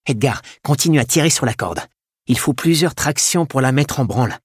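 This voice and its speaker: A man voicing a practical male monk cook, giving clear orders in a husky voice. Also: medium pitch, very fast, no echo, studio quality, voice pushed up, close to an everyday voice. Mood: commanding. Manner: commanding, less pompous, giving orders.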